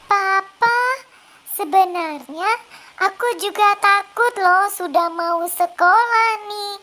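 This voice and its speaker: A woman's voice: very high voice, slow, bright, forceful tone, heavily acted. A woman voicing a small, timid little girl in a children's church story play, speaking in a childlike, earnest way. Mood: scared.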